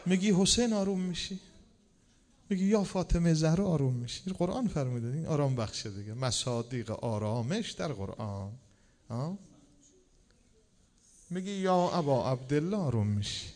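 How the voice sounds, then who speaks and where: A man's voice: mid-range voice, darkish tone. A man preaching a religious sermon with rhythmic repetition that climbs to emphatic peaks. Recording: long hall reverb.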